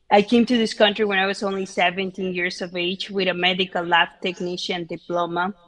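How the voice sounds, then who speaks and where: A woman's voice: medium pitch, fairly bright tone, poor audio. A native Spanish-speaking woman from Mexico with an immigrant's Mexican accent, telling her story conversationally as an interview guest and often checking for agreement with short tag questions. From Mexico City, Mexico. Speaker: interview guest giving testimony.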